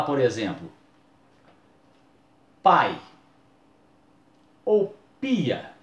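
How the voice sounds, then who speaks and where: A man's voice: mid-range voice, roomy sound. A man, teaching a video lesson and drawing out key words for emphasis.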